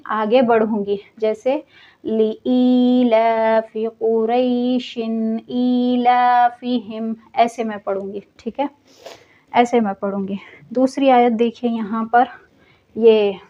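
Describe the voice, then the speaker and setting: A woman's voice: a little high, muffled recording. A woman teaching Quran recitation rules in a class, explaining patiently and drawing out the recited words. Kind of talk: online tajweed class explanation.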